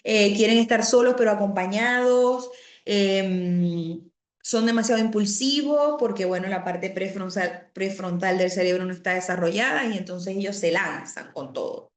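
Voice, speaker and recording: A woman's voice: medium pitch, moderate pace. A woman teaching an online class over a video call. She explains things conversationally, repeats key words and often adds asides. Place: home or office on a video call. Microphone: computer mic on a video call. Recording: roomy video call audio.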